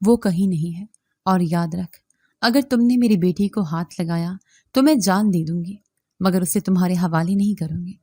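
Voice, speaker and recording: A woman's voice: fairly low pitch, mellow, no echo, studio quality, natural voice. A woman voicing a brave, suffering mother who speaks firmly and defiantly. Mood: defiant, urgent. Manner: firm, defiant.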